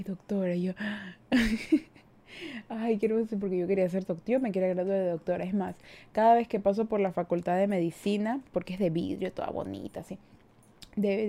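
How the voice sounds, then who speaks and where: A woman's voice: mid-range voice, warm tone. A young woman in her twenties with an Ecuadorian Spanish accent, chatting casually as a podcast host, reading listener comments and laughing often at herself. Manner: giggly, self-mocking, laughs often.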